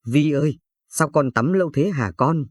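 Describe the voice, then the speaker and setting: Caring middle-aged mom read by a guy, gentle, husky. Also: on the high side, normal speed, dry recording, studio quality, natural voice.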